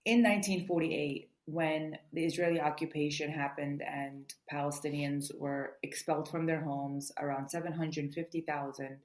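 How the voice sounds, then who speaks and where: A woman author answering interview questions in an earnest, quick way, often saying "you know". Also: sits low, little pitch movement. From United States. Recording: roomy echo.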